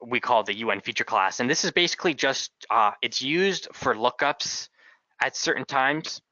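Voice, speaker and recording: Teaching a software tutorial, a man talks in an expressive, mid-range voice, though he's halting and repeats himself. The recording sounds slightly dull and has no echo.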